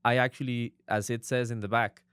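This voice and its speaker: A man's voice: mid-range voice, flat delivery, fairly quick, fairly bright tone, clean tone, no echo, clean studio sound. A young Costa Rican man with a Costa Rican accent, a guest author explaining his writing earnestly in a casual interview. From Costa Rica. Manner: earnest, explaining at length with many affirmations.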